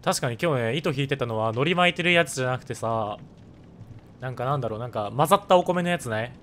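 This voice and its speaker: A man with a hoarse voice, chatting casually while live-streaming a game and thanking viewers for donations. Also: mid-range voice, lively intonation, fast, fairly bright tone, slight background noise.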